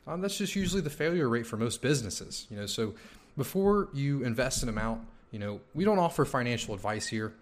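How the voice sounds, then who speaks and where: A man hosting a casual podcast interview, loose and relaxed, leaning on lots of "you know"s, talking around a sore tooth. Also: medium pitch, brisk. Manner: relaxed, filler-heavy talk with many "you know"s. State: sore mouth from a tooth coming in. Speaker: podcast host.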